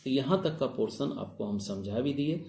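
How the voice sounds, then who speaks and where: A man's voice: mid-range voice, expressive, normal speed, creaky, mellow, echoey room. A man giving an exam-prep biology lecture. He mixes Hindi with English technical terms and keeps asking his students questions, calling them "babu". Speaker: biology teacher.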